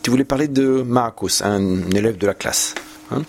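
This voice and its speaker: A man's voice: mid-range voice, normal speed, gravelly, slight background noise. A man, a language teacher giving a student patient, encouraging spoken feedback with frequent hesitations.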